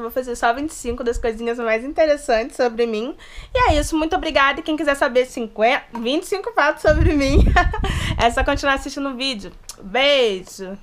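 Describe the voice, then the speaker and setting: Her voice sits high, with a little hiss or hum on the recording, as this late-twenties YouTuber from Resende, Rio de Janeiro state, talks playfully to a close camera in her small bedroom. She gestures animatedly, and her Brazilian accent blends Rio, São Paulo and Minas.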